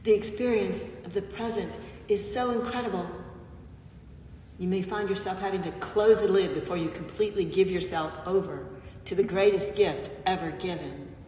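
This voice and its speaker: A woman pastor giving a gentle, reflective sermon with frequent pauses, recorded in a church sanctuary from a distant mic. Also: mid-range voice, a little hiss or hum. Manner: gentle, reflective, pausing often. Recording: echoey church, mic far off.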